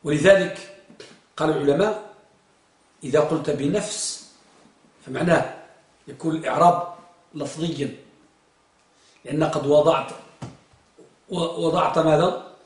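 A man on the high side teaches a grammar class at a measured pace with long pauses, quizzing students and repeating their answers. He sounds far from the mic in an echoey room.

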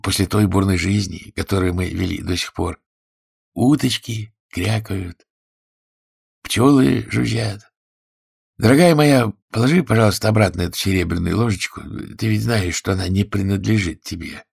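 A man's voice: lowish voice, normal speed, vocal fry, breathy edge, exaggerated voice. A man reading a story aloud and voicing a reformed male crook who speaks fondly and coaxingly to his fiancée. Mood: doting. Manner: fond, gently coaxing. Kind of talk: audiobook character voice.

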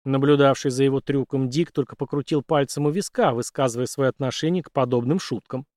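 Measured male audiobook narrator. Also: medium pitch, a little mellow, no echo, clean studio sound.

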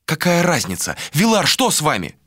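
This is a frightened young woman in an audiobook, defiant one moment and pleading the next, put on by a male reader. Her voice sits far above a man's natural range, thin and shrill. The tone is bright and cutting, recorded close with no room sound. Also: huge pitch swings, normal speed, dry recording, full character voice. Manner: high shrill pleading cries. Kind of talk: audiobook character voice.

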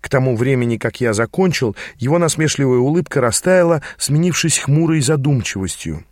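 A man narrating a first-person fantasy audiobook in an even storytelling manner. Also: medium pitch, a little fast, no room sound, clean studio sound.

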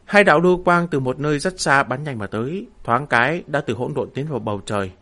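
A man narrating a fantasy novel in a steady, dramatic storytelling voice. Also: medium pitch, quick pace. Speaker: audiobook narrator.

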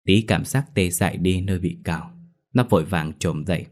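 Man, horror story narrator, low voice, steady measured delivery.

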